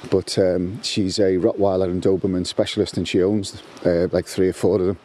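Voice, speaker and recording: A man's voice: sits low, little pitch movement, fairly quick, dark tone, slight background noise. A man talking casually while walking his dog on a canal towpath, rambling with many restarts. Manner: rambling, with frequent restarts and fillers. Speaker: guest contributor. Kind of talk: casual walk-and-talk monologue. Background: birdsong.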